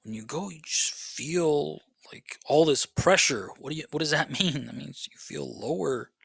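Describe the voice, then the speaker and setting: Bright-voiced man giving a religious lecture. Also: normal speed, vocal fry, husky, no room sound. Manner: conversational, rhetorical questions, frequent "okay?"; swings between soft low asides and raised emphatic passages. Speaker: Islamic lecturer.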